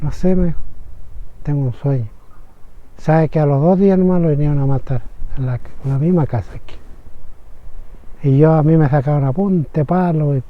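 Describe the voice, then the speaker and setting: An older man with a Chilean Spanish accent giving halting, plain-spoken documentary testimony as a witness. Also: a little high. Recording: tinny phone-like sound.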